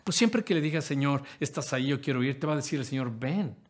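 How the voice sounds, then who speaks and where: A man preaching a sermon in a husky, slightly breathy voice at an ordinary middle pitch. He addresses the listener directly with questions and moves from forceful lines to near-whispers. His delivery is dramatic and earnest. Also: expressive, fast. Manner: dramatic, acts out quotes in swings from loud to hushed. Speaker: pastor.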